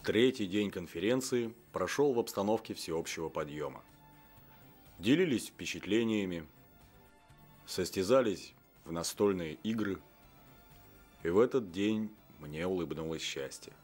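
A deadpan soldier narrates a comic army film with mock solemnity. His voice sits low, and music plays faintly behind him. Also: measured pace, breathy edge, exaggerated voice. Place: studio voice-over.

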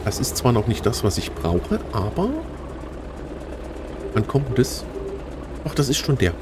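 A man giving chatty, casual commentary while playing a game, talking straight to his viewers and getting easily excited. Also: mid-range voice, a little slow, background noise. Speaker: let's play host.

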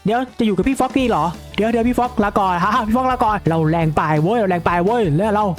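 An excitable young man talks through a video game in a loose, casual way, full of exclamations and jokes. Faint game music plays quietly underneath his voice. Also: high-pitched, racing. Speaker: gaming video creator.

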